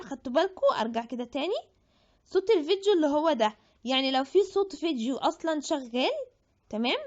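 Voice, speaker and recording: A woman with an Egyptian Arabic accent giving a chatty app tutorial, thinking aloud and restarting her words. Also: high-pitched. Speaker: tutorial presenter. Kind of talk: screen-recorded app tutorial. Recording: dull lo-fi audio.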